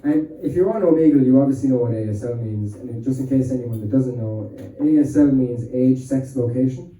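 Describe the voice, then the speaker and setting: A man's voice: mid-range voice, a little fast, warm tone, a little hiss or hum. An Irish man working as MC, telling crude, laid-back jokes and introducing the next comedian. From Ireland. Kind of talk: stand-up comedy and introducing acts. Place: pub stage with live audience. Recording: echoey pub from a distant mic.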